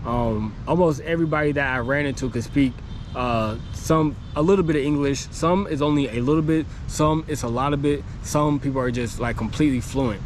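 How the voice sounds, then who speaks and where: A travel vlogger who is losing his voice speaks a little fast in a mid-range voice, rambling chattily to camera with lots of fillers. He stands outdoors on a city street near construction, where passing traffic and street noise fill the noisy recording.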